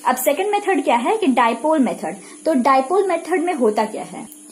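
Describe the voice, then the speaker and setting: Her voice sits high and swings widely in pitch as this Indian-accented woman teaches physiotherapy at a normal pace, posing and answering her own questions. She blends Hindi with English technical vocabulary, and there's slight background noise.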